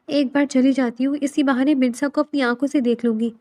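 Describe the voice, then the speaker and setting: Desperate young woman, tearful and pleading, high voice, read by a woman narrator. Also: fairly even intonation, mellow, no echo, close to an everyday voice. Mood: worried.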